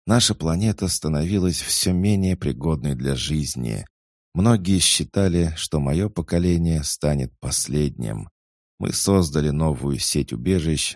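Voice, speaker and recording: A man's voice: rumbling low, dry recording, clean studio sound. A man reading an ancient unruffled alien sage. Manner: calm, unhurried, measured. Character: ancient calm male alien mind. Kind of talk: audiobook character reading.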